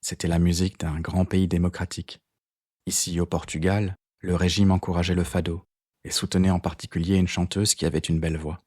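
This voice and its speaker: A man reading the part of a determined, grey-haired woman jazz saxophonist in an audiobook, calm and direct. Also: low voice, brisk, breathy edge, no room sound, clean studio sound. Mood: reminiscing. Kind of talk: audiobook character voice.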